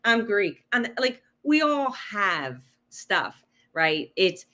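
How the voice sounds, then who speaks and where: A woman health coach appears as a podcast guest, speaking slowly in a mid-range voice during a casual interview chat. She is animated, explaining nutrition with numbers and rhetorical questions and often checking in with "right?".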